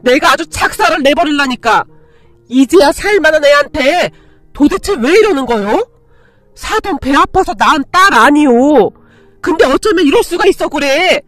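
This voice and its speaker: A woman's voice: sits high, expressive, normal speed, fairly bright tone, no echo, soft background music. A woman voicing an older mother-in-law who is stern with outsiders and motherly to her daughter-in-law. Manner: firm and protective, motherly.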